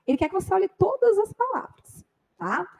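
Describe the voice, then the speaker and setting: A woman teaching a grammar lesson for exam preparation, explaining step by step and often checking in with a quick "tá?". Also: very high voice, sing-song, gravelly, poor audio. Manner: explanatory, frequent "tá?" tag questions.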